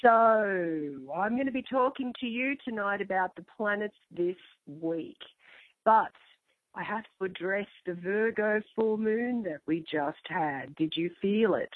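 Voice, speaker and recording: A woman with a croaky voice, hoarse from a flu, hosting an astrology talk and chatting informally to her listeners. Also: medium pitch, unhurried, no room sound. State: getting over flu. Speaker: host and astrologer. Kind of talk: astrology show monologue, casual address to listeners. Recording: thin, phone-like line.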